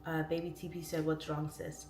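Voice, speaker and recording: Low-voiced woman, tongue-piercing speech, echoey room. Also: flat delivery, normal speed, darkish tone. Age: late 30s. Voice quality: slightly impeded speech from a swollen, newly pierced tongue. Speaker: livestream host. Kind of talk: casual livestream chat, reading viewer comments aloud. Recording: roomy echo, distant mic, clear background noise.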